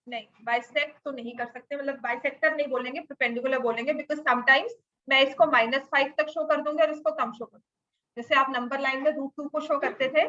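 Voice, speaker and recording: A woman's voice: high voice, bright, forceful tone. A woman maths teacher giving a class lesson, mixing Hindi and English and often checking that students follow. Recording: dull lo-fi recording.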